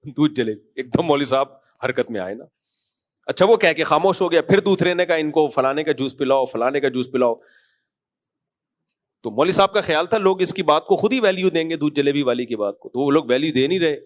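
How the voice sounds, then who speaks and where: A man's voice: a little high, fast talker. A man giving a conversational religious talk, telling anecdotes and jokes and acting out the dialogue in different voices. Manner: storytelling, acts out dialogue in different voices, chuckles. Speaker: Islamic scholar giving a talk.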